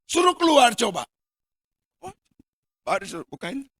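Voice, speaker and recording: Jakarta man, pastor, high and lively, dramatic comic preacher, dry close sound. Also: moderate pace, dry recording. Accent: Jakarta Indonesian. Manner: dramatic, joking storyteller who bursts into shouts. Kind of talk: sermon. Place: church.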